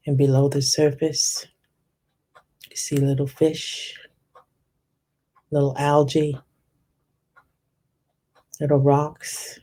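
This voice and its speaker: In a medium-pitched voice, a meditation guide leads a guided visualization, speaking softly, soothingly, and without hurry while lingering over descriptive words. The recording is rough.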